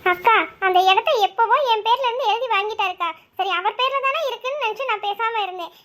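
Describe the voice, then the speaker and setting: A woman's voice: extremely high pitch, quick pace, a bit bright. A woman voicing a distressed cartoon aunt pleading tearfully to her elder sister. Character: distressed aunt Selvi, wronged wife.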